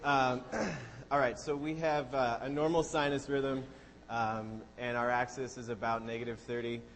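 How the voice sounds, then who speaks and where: A man reading out findings hesitantly, with many ums and frequent throat clearing. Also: mid-range voice, fairly even intonation, unhurried, big-room sound. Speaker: medical student presenter. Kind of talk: class case presentation.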